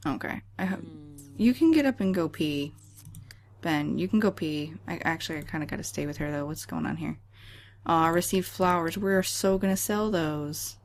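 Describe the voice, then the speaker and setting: A woman's voice: low voice, normal speed. A woman hosting a let's play, giving casual gameplay commentary with sarcastic, chatty asides to the game.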